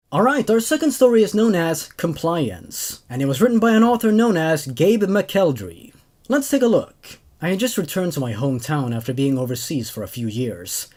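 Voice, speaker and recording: A male host and reviewer in his 20s narrates horror stories and comments on them, his voice fairly high-pitched and a little mellow. The setting is a small dark room indoors, with a desk microphone on a boom arm.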